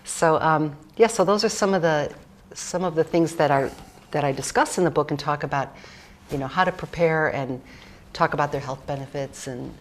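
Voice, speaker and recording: A woman's voice: low-pitched, moderate pace. A woman cookbook author chatting casually through a cooking demonstration, rambling with jokes and fillers.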